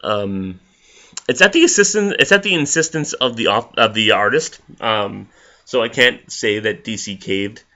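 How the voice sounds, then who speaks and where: Male vlogger, profane and rambling, lo-fi sound, low-pitched. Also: lively intonation, moderate pace, sharp tone. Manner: profane, rambling, with many fillers. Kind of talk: ranting commentary vlog. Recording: dull lo-fi recording.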